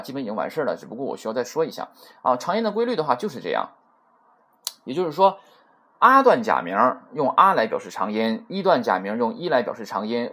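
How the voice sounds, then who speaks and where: A man teaching a beginner Japanese lesson in a chatty way, repeating points and checking that listeners follow. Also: medium pitch. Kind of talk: casual recorded lesson.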